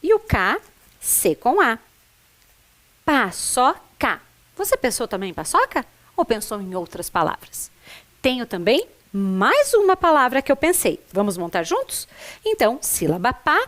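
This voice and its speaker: A woman's voice: fairly high pitch, wildly swooping pitch, normal speed, a bit bright. A woman teacher giving a recorded literacy lesson for adults, sounding out words syllable by syllable in an encouraging way. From Brazil.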